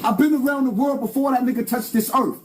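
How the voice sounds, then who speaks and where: A man's voice: extremely high pitch, quick pace, a little hiss or hum. A man delivering an emphatic, preachy rant straight to camera, hammering his points with repetition. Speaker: commentator.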